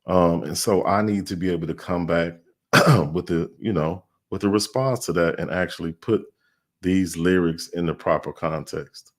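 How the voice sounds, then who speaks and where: A man's voice: sits low, normal speed. A man hosting, casually explaining a court hearing with many fillers. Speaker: commentary host. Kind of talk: casual commentary.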